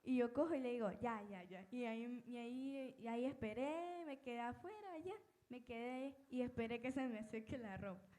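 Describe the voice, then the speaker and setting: A woman gives a testimony sermon, stumbling and restarting as she tells her story. Her voice sits a little high yet sounds mellow and soft. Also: animated, poor audio. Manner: halting, many restarts and repeated words. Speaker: lay preacher.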